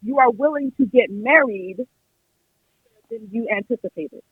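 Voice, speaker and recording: On a slightly high, slightly rough voice, a young American podcast caller makes her case in an unhurried but emphatic, conversational manner, often performing quotes she imagines from others. The audio has no room sound and comes across narrow and tinny.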